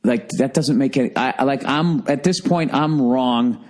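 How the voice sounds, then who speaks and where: A man's voice: mid-range voice, measured pace, a little mellow. A middle-aged American man hosting a podcast alone, delivering a profane, exasperated comedy rant. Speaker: podcast host. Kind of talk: solo ranting comedy monologue.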